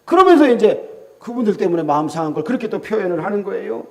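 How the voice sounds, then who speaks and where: A man's voice: high voice, very animated, fast talker, gravelly, darkish tone. A male pastor with a Gyeongsang accent preaching a sermon, telling stories and acting out the voices of church members, repeating key phrases for emphasis.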